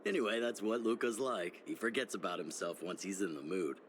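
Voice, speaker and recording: A man playing an easygoing, jovial older mentor in a video game, relaxed and teasing. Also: lowish voice, fairly quick, slight background noise, close to an everyday voice. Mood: amused storytelling. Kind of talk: video game character acting.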